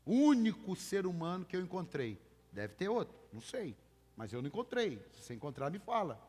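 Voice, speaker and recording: A Brazilian-accented man preaching in church, his voice sitting a little high. He drives his points home emphatically and keeps calling on the congregation to repeat after him. The sound carries a long hall reverb. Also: very animated, fairly quick, darkish tone, husky. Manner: emphatic, calls for congregation repetition. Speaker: pastor. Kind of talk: sermon.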